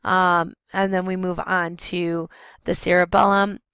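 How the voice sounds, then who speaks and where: A hoarse woman teacher narrating a recorded lesson over slides. She explains step by step, with frequent ums and self-corrections. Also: on the low side, level tone, measured pace, fairly bright tone, no echo, low-quality recording.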